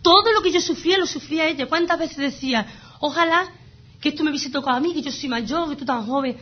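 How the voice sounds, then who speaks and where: Fast-talking high-voiced woman. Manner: animated, emphatic storytelling. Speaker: guest sharing her illness story. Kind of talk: casual conversation. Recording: slightly dull lo-fi sound.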